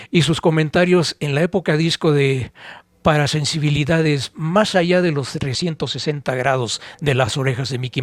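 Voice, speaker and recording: A middle-aged man with a Mexican accent co-hosts a podcast, reminiscing in a nostalgic, digressive way with halting phrases. His pitch is fairly high, and the recording is dry and studio quality.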